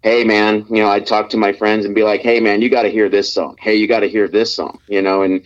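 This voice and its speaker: A man's voice: on the low side, level tone, a little fast. A man from Nebraska on speakerphone, guesting on a radio show in an easygoing, rambling chat full of fillers and restarts. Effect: heard over speakerphone. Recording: dull, muffled speakerphone line.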